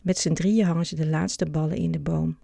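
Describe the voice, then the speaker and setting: A narrator calmly reading a children's story aloud. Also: mid-range voice, brisk, gravelly, no echo.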